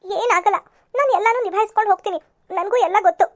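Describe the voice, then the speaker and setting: A lovesick, stubborn young cartoon woman, as a woman puts her on. She pleads and sulks, her voice squeaky-high and rushed. Tearful insistence runs through her lines. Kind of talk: amateur cartoon voice acting.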